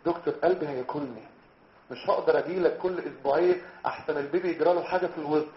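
A man's voice: a little high, racing, close to an everyday voice. A man with an Egyptian accent voicing an anxious young pregnant woman patient in a classroom role-play. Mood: worried. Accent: Egyptian Arabic. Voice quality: worried, pleading. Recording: roomy, dull lecture recording.

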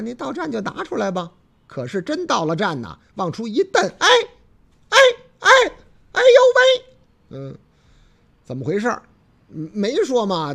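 A man's voice: on the high side, a bit bright. A man telling a news story in a chatty, joking storytelling style with playful asides. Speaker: news commentator.

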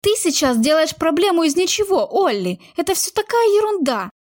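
A woman's voice: extremely high pitch, sing-song, fairly quick, a little mellow, dry recording, clean studio sound, voice pushed up. A woman voicing a young woman in a heated argument with her partner, defensive and emotional. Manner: heated, pleading outbursts.

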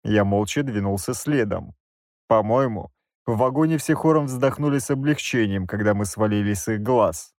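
A man narrating a first-person audiobook in a wry, expressive reading. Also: on the low side, moderate pace, no room sound, studio quality.

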